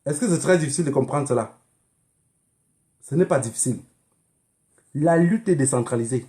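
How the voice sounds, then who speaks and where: A man with a dark, mid-range voice talks at a moderate pace on a political livestream. An online activist with a Cameroonian accent, he admonishes viewers emphatically, repeating phrases and posing rhetorical questions.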